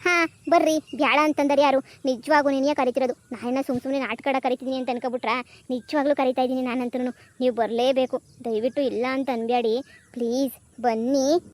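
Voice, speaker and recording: A woman doing a sharp-tongued young village wife. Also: high-pitched, fairly even intonation, brisk, lightly acted. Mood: pleading. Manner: pleading sweetly to her father-in-law, then scolding with contempt. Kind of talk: cartoon comedy voice acting.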